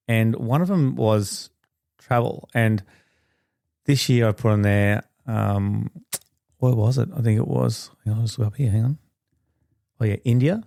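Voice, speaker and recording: A man's voice: on the low side, mellow, no echo, clean studio sound. A middle-aged man hosting a podcast, telling a story in a casual, chatty, rambling way and often restarting his sentences. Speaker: podcast host.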